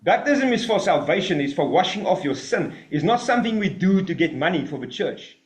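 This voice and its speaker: A man preaching a sermon in an emphatic, animated way, with mocking asides. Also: high voice, fairly quick. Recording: roomy echo.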